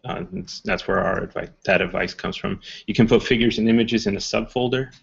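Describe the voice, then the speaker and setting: Low-ish guy giving a laid back tech talk, um-heavy, kinda muffled sound. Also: fairly quick, vocal fry, slightly rough. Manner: relaxed, many ums and uhs, restarts. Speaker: presenter. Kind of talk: casual technical talk.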